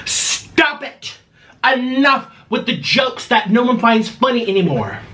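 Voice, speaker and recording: A man's voice: very high voice, sing-song, normal speed, bright, forceful tone. A man hosting a casual eating vlog at home, shushing and defensively bickering with his partner. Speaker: vlog host. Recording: noisy with dish and cutlery clatter.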